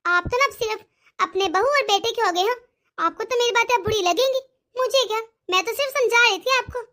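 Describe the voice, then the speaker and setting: A woman voicing a petulant, meddling young married daughter in an animated cartoon, scolding and dramatic. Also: very high-pitched, fairly quick. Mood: sulky.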